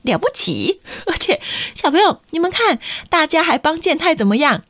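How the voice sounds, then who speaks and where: A woman reading a picture book aloud to children, lively and playful, asking them questions. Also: extremely high pitch, a little fast, no echo. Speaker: storyteller for children.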